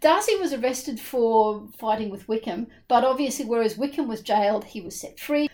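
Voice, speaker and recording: In a relaxed book discussion, a female podcast co-host talks in a chatty, opinionated way, repeating points for emphasis. She sounds a little high and animated, at a moderate pace, with a darkish tone.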